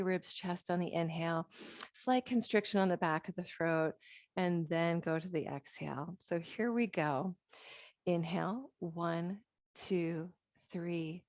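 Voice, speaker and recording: A woman's voice: on the low side, a little mellow, dry recording. A woman yoga instructor guiding a class with short, repeated instructional cues and counts. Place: online class, instructor watching students on a monitor. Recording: background music with plucked guitar.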